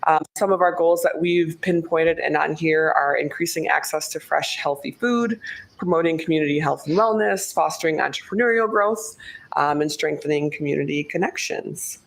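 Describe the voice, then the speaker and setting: A woman giving a formal presentation at a meeting in a low, slightly strained, unhurried voice. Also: gravelly. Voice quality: lower than usual, strained voice. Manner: low, unhurried delivery with pauses. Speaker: city staff presenter. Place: council meeting room.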